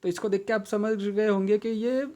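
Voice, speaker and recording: A man with an Indian accent hosts a casual product unboxing, his rather high voice carrying a relaxed, dark-edged tone. He walks through things step by step at a moderate pace, hesitating as he goes and restating his advice.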